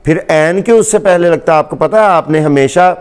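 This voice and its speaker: Man, pakistani urdu accent, english teacher, clear smooth voice, slightly high pitch. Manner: patient, repeats examples slowly, asks rhetorical questions. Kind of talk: explaining grammar in a lecture.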